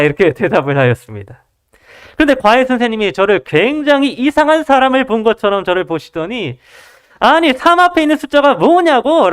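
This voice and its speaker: A preacher delivers a sermon in a measured, formal way, turning often to the congregation with questions. The voice is smooth and resonant, and the pitch rises and falls in a lively, animated way. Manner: addresses the congregation directly with rhetorical questions.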